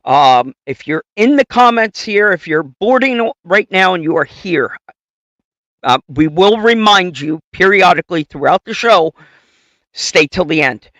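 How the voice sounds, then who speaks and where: Upbeat high-voiced male podcast host. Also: expressive, pushed and bright, no room sound. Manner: quick and upbeat, with fillers. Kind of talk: casual livestream chat.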